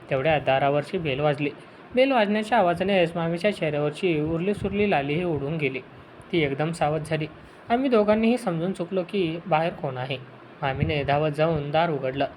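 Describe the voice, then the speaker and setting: A man's voice: a little high, slight background noise, rough recording. Earnest male storyteller. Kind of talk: first-person audiobook narration.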